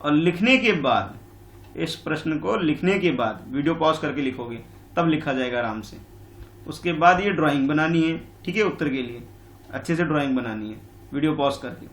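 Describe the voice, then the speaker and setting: A man's voice: a little high, lively intonation, normal speed, roomy sound, slight background noise. A male teacher giving an online school lesson. He explains patiently and repeats himself, calling his pupils "beta". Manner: patient and repetitive, calls pupils बेटा.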